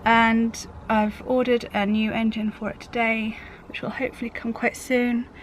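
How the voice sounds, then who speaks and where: A woman, croaky from a cold, chatting rambly and casually in a camper van vlog. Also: on the high side, flat delivery, moderate pace, poor audio. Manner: chatty, rambling, self-interrupting. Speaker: craft vlogger. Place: inside a camper van on a busy main road. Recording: traffic noise from a main road. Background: road traffic noise.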